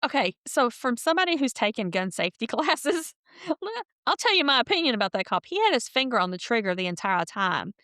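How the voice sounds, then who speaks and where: Very animated and fairly quick, with a high, somewhat bright voice, this podcast co-host tells stories and laughs a lot in casual chat. She's older than her co-host, and the sound is clean studio quality with no echo.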